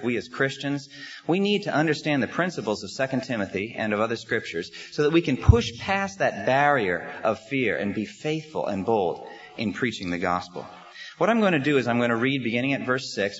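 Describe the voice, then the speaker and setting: A pastor from the United States preaching a sermon in a church sanctuary, speaking at a pulpit microphone in an earnest, measured way with frequent "uh" pauses. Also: male voice, mid-range voice. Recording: slightly muffled sermon recording.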